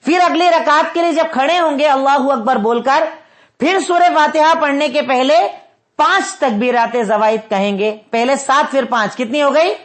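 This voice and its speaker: Male religious teacher, methodical, slow repeated dictation, quiz questions to listeners. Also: extremely high pitch, a bit bright. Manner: methodical, repeats points and references slowly for note-taking. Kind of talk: religious instruction lesson.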